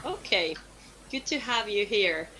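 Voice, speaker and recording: Slow-spoken woman facilitator. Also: mid-range voice, lively intonation, noisy background. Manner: friendly, laughs often, coaxing. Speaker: session facilitator. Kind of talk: online meeting chat.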